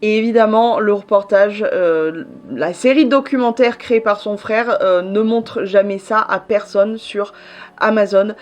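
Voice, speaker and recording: A woman talking casually to her viewers, recommending shows in a loose, chatty way. She fills her sentences with hesitations and restarts, at an ordinary mid pitch. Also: measured pace, highs cut off. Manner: chatty, many fillers and restarts. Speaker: YouTuber reviewing series. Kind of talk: casual chat to camera.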